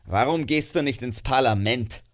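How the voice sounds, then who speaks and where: A man reading an audiobook, voicing a grumpy, miserly old man who snaps and scoffs loudly. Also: mid-range voice, normal speed, lightly acted. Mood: curt dismissive. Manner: loud, snapping and contemptuous.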